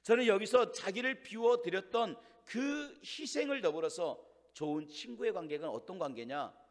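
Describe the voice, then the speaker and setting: A man preaching a Sunday sermon in a fairly high voice, putting question after question to the congregation. He booms out key phrases and then sinks to near whispers. The sanctuary lends his voice a long, ringing reverb. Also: lively intonation, moderate pace. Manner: preaching with rhetorical questions, swings between loud emphasis and hushed lines. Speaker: pastor. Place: church sanctuary. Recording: long church hall reverb.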